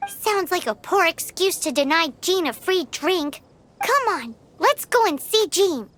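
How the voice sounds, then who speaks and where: A woman voicing a small, childlike fairy companion in a video game, squeaky and cheeky, exclaiming and talking about herself in the third person. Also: big pitch swings, measured pace, a bit bright, exaggerated voice. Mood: indignant.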